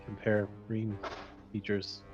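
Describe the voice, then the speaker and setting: A man's voice: lowish voice, completely flat delivery, slow, a little mellow, lo-fi sound, soft background music. A man playing a tabletop game, thinking aloud hesitantly. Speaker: player.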